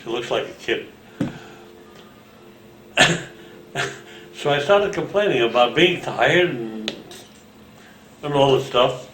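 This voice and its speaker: A World War Two veteran in his eighties, his mid-range voice animated and fairly bright, recounts family history in a casual oral history interview. He rambles and halts, restarting often as he tells his stories. The home recording sounds roomy, with faint hiss.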